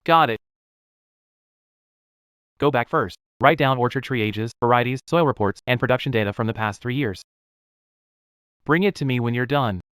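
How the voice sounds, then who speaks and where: An actor playing a young, proud fruit tree breeder who talks steadily and bluntly in a dubbed drama. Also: male voice, mid-range voice, moderate pace, long pauses, a bit bright, smooth, no echo, clean studio sound, close to an everyday voice. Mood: firm. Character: proud self-made durian grower, young man, calm and firm.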